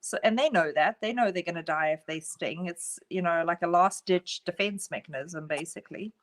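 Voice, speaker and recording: A woman co-hosting a casual chat, relaxed and laughing often as she tells a story. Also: lowish voice, a little fast. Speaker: co-host.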